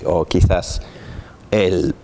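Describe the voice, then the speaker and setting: A man teaching a Bible class on ministry, explaining points with humorous everyday examples and reading scripture slowly. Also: sits low, fairly even intonation, warm tone, slight background noise.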